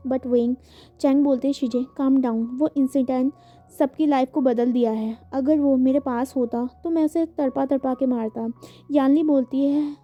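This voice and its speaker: A woman with a high voice reads a fan story aloud, giving every character's lines in her own plain voice and slipping English words into her sentences. The recording is dull and lo-fi, with faint music under her voice. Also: steady tone, moderate pace. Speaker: fan fiction narrator.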